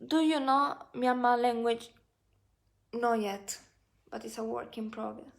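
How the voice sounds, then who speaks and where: A woman in her 20s speaks a little slowly in a steady, slightly high, gravelly voice while running a live Buddhist talk stream. As a Dhamma speaker, she reads viewers' comments aloud and replies in a friendly, hesitant way, restarting often, using many fillers, and offering frequent thanks.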